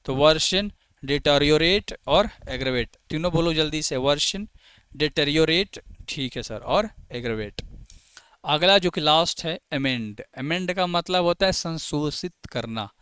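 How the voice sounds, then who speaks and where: Male tutor, somewhat high and clear, energetic question-and-answer teaching, dry close mic. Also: moderate pace, dry recording. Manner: lively, asks students "clear है?" and answers himself. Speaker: vocabulary teacher. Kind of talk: Hindi exam-prep vocabulary lesson.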